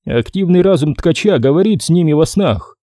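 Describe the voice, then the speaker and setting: A cryptic, aloof machine intelligence from an audiobook, as a male reader puts it on, pitched well above his own voice and drawn out slowly. The tone is dark and mellow, with a dry, close sound. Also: animated, no echo, natural voice. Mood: enigmatic.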